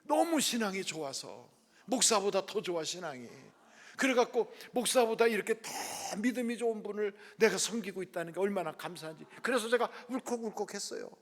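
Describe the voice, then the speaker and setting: Male pastor, middle-aged, storytelling sermon, very animated pitch. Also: brisk. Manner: lively storytelling, acts out quoted voices softly. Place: prayer house worship hall. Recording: long hall reverb.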